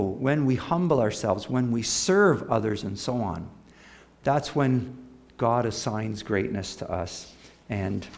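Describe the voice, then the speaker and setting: Animated preacher man with a creaky voice. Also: medium pitch. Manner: podium speech, conversational, acting out dialogue. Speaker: pastor preaching to a congregation. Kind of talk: sermon from the podium, reading scripture and explaining it.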